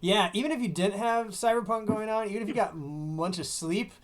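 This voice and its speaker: A man's voice: high-pitched, brisk. A man hosting a casual podcast, loose and joking, who swears freely. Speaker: podcast host.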